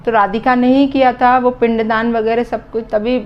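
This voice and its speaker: A woman in her thirties vlogging about a loss, talking slowly and heavy-heartedly, her voice dropping low at times. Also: flat delivery, highs cut off. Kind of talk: emotional personal vlog talk.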